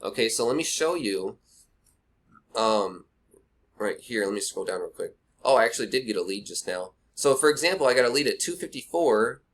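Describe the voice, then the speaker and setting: A man's voice: mid-range voice, lively intonation, normal speed. Casual tutor type, a man with a mid-range voice, talks bluntly to camera through a cheap webcam mic. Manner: blunt, rambling, talks to viewer directly. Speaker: online marketing instructor. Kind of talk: casual screen-recorded tutorial.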